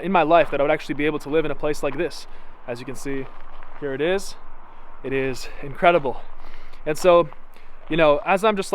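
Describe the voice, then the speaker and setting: A young man from Latvia delivers a hyped-up motivational vlog, filming himself as he walks through his house. His voice sits a little high and the words tumble out fast, packed with "you know" and repeated phrases. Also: clear, resonant tone. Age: young adult. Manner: energetic, repetitive, filler-heavy pep talk. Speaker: entrepreneur vlogger. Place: new house, indoors.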